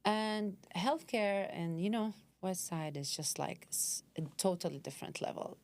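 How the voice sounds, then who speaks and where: Halting middle-aged woman from Dubai. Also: medium pitch, darkish tone. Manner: halting, restarts sentences often. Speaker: podcast guest, concierge healthcare founder. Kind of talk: casual interview chat.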